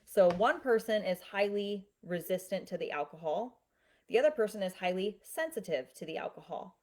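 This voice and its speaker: A woman's voice: medium pitch, lively intonation, moderate pace, a little mellow. A woman teaching on a live stream. She explains step by step, often checks in with "right?" and "okay?", and answers viewer comments in a conversational way. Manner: conversational, with some restarts.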